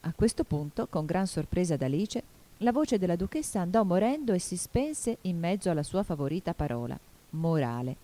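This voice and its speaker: A woman narrating a storybook in an expressive, measured reading. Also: on the low side. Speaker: audiobook reader.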